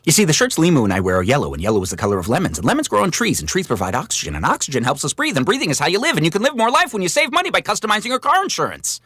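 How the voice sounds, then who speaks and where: Wildly animated, earnest male pitchman. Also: racing, few pauses, breathy edge, dry recording, heavily acted. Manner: earnest, explanatory. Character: earnest, silly pitchman with absurd chained logic. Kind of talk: comic radio commercial.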